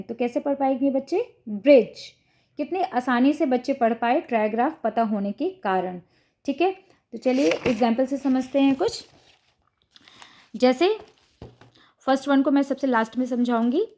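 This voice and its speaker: ऊँची, मधुर आवाज़ वाली महिला शिक्षिका. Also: female voice, high-pitched, mellow. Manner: patient, step-by-step explaining with frequent "ठीक है" checks. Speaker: teacher explaining phonics to parents. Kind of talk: explanatory lesson to camera.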